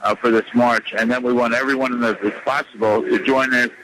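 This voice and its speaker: A man speaking as a radio guest, insistent and combative, repeating his points with many pauses and fillers. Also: mid-range voice, level tone, noisy background. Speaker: radio show guest, lawyer. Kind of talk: radio interview, phone-in.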